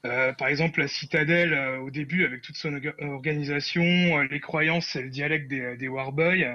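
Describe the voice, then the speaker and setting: A man's voice: fairly high pitch, steady tone, moderate pace, highs cut off. A man co-hosting a podcast, giving film news in a casual, chatty way with many hesitations. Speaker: podcast co-host.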